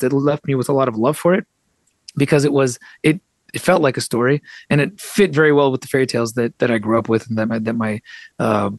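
A guest author and translator from the United States whose first language is Russian tells stories in a conversational interview. He's wry and animated, with frequent restarts. His voice is a little high, and the sound is dry and close, with no room sound.

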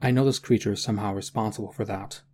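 A man's voice: lowish voice, steady tone, fast talker, mellow, slight background noise, close to an everyday voice. A man playing a desperate, shaken deaf author who pleads and narrates his ordeal.

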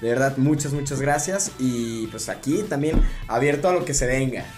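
Slangy Mexican podcast host. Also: male voice, medium pitch, lively intonation, a little mellow, soft background music. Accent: Mexican Spanish. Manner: slangy, halting. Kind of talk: casual podcast chat.

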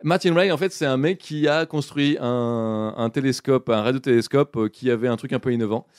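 A young man hosting a casual podcast, telling a science story in a lively way with lots of fillers. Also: medium pitch, a little fast, clean tone, no echo, studio quality.

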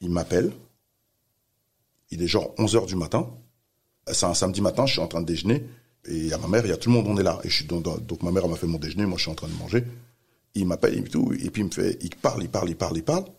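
A man telling a story in casual chat, animated, acting out the voices of the people he quotes. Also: sits low, racing, gravelly, slightly rough. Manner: animated, acts out quoted voices, many restarts. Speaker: music manager telling a story.

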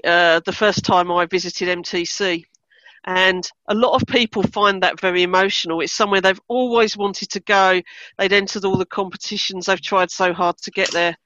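A woman's voice: medium pitch, pushed and bright, dry recording, muffled recording. A woman with an Essex English accent chatting casually on a podcast as a Formula One fan. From Essex, England.

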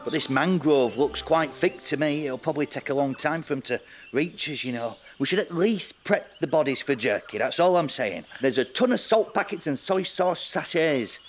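A man's voice: on the high side, lively intonation, moderate pace, hardly any pauses, soft background music, close to an everyday voice. A man playing a crash survivor who casually and reasonably argues grim ideas in a comedy sketch. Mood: casual, persuasive. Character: blithely macabre male crash survivor keen on cannibalism.

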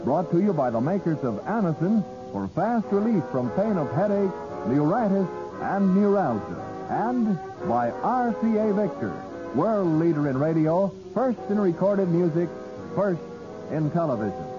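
An old-time American radio announcer, a man with a high, very animated delivery. He reads scripted copy over prominent music, in a muffled vintage recording. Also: a little slow.

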